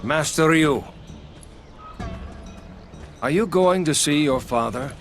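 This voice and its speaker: An actor playing a loyal, dutiful ninja villager in a video game. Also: male voice, fairly high pitch, takes it slowly, soft background music. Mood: respectful, steady. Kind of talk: English video game voice acting.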